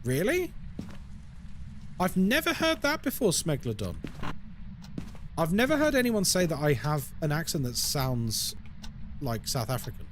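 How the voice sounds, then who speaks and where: His voice sits on the high side, very animated but a little slow, with frequent pauses and slight background noise. This adult Londoner, over 20 and speaking London English, streams a game live, chatting about it and responding to viewers in chat.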